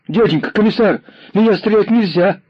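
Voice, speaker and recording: A man voicing a scrappy lame boy soldier who pleads in a rapid, shifty patter. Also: high-pitched, highs cut off, pitched above the performer's own voice. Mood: pleading. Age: child.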